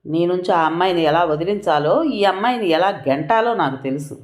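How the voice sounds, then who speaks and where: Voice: medium pitch, a little fast, close to an everyday voice. A narrator voicing an enraged middle-aged uncle who berates and threatens his nephew in a harsh, insulting way, recorded with a roomy echo. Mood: threatening.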